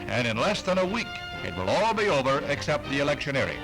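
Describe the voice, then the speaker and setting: A man narrating a 1960s newsreel in a brisk, formal announcer manner. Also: fairly high pitch, sing-song, rough recording. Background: music under the narration.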